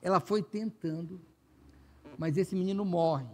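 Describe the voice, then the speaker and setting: A Brazilian Portuguese-accented pastor preaches a sermon in a conversational style, often addressing the congregation directly. His voice is high-pitched and dark in tone, and he speaks unhurriedly.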